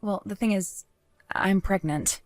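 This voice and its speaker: A scheming young wife who has been unfaithful, coaxing and pleading in a middle-pitched voice, as a woman acts her out. The sound is dry and close, with no room around it. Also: a little slow, dry recording, lightly acted.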